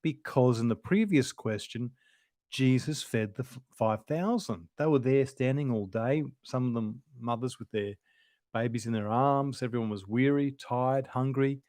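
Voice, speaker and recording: Man, Bible study presenter, informal explanatory manner, average pitch, dry room. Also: moderate pace, a little mellow, no echo. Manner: informal, explanatory, thinks aloud. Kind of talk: conversational Bible study teaching.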